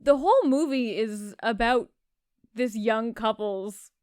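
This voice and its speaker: A woman's voice: a little high, slow, darkish tone, no echo, clean studio sound. A woman co-hosting a podcast, chatting casually and animatedly, laughing and swearing freely. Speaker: podcast co-host. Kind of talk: casual chat.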